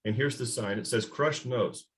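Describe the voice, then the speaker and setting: A man's voice: mid-range voice, fairly bright tone. Male guest scientist, slide talk over a video call mic; hesitant delivery, frequent ums and restarts. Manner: halting, many fillers and restarts. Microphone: video call microphone.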